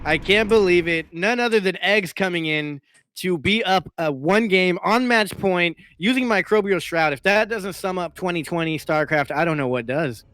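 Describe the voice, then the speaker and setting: A man's voice: sits high, moderate pace, fairly bright tone, clean tone, no room sound. A man working as an esports commentator, chatting casually with a co-caster about the match.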